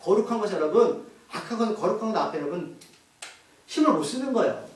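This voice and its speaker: An animated, fast-talking male pastor with a high voice preaches, asking his congregation questions he answers himself. The church hall echoes, and the sound comes from far away.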